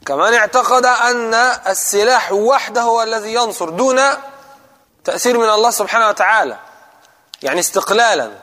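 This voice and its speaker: A man gives a religious lesson in a high-pitched voice, posing questions to his listeners and repeating the key points. The sound has a long reverb, as if recorded in a large hall. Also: brisk, sharp tone. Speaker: preacher.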